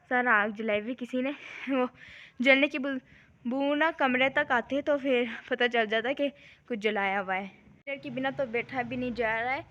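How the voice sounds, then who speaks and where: A young woman with a slightly high voice chats into a handheld phone on an open rooftop at night, with the wind blowing. She keeps talking while she shivers, and her throat is sore. This is an easygoing, casual vlog delivery. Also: fairly bright tone, lo-fi sound. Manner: chatty, talks while shivering in the cold. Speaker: vlogger. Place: rooftop outdoors at night, windy.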